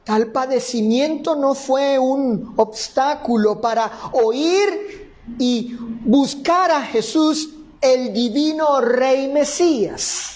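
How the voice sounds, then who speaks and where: A man's voice: very high-pitched, extremely slow, a little mellow, rough recording. A man teaching a Bible lesson, reading scripture and then explaining it point by point to his listeners. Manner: addresses listeners as brothers.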